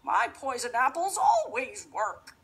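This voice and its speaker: A woman voicing a crafty old hobbling witch in a rhyming storybook, with a coaxing, breathy, sing-song delivery. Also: high-pitched, wildly swooping pitch, slow pace, pitched above the performer's own voice, full character voice. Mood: insistent.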